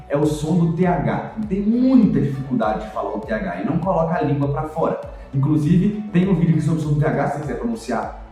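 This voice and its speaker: A man's voice: fairly high pitch, distant mic. Chatty man teaching in an echoey room. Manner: lively, chatty, demonstrates sounds. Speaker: English teacher. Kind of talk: explanatory video lesson.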